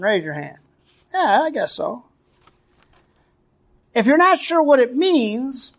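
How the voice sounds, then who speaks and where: A middle-aged man preaching a sermon as pastor, telling stories animatedly and shouting out quoted lines. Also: high-pitched. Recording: roomy echo, distant mic, faint ambience.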